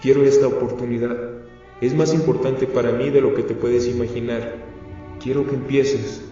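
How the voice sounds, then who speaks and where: A calm, courteous vampire man who has lived for centuries, voiced by a male reader, speaking politely and without hurry. The voice is dark and mellow, set back from the mic in an echoey, roomy space. The sound is dull and lo-fi, with faint music underneath. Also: mid-range voice, recorded from a distance, natural voice. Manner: polite, confiding, unhurried.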